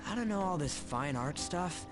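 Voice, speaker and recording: Brash, animated teenage boy. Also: high voice, moderate pace. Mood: blunt, casual. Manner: slangy, blunt. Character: brash, blunt teenage boy, casual and suspicious. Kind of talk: English video game voice acting. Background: game music.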